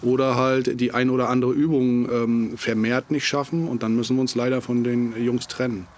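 A man speaking as a military instructor in a casual podcast interview, with halting, thoughtful phrasing. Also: mid-range voice, flat delivery.

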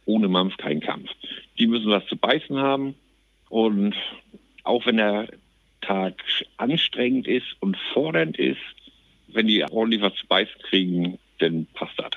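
A man's voice: on the low side, expressive, unhurried, dry recording, phone-quality sound. A man speaking as a sergeant major guest in an interview, colloquial and plain-spoken. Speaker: army company sergeant major, podcast guest. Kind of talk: casual interview talk.

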